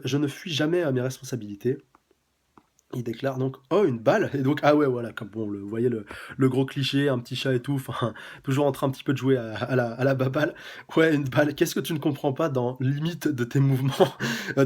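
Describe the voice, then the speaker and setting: A man's voice: medium pitch, darkish tone. Chatty man reviewing a comic. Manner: chatty, halting with many fillers and quick laughs. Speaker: manga reviewer. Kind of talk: casual live chapter review, reading dialogue aloud.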